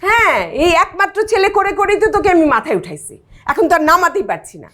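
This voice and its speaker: Brief: a doting, fed-up mom, very high and lively, teasing. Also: female voice, fast talker, exaggerated voice. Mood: exasperated. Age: middle-aged. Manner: exasperated, teasing. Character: exasperated doting middle-aged mother. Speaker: mother. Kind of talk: TV drama acting.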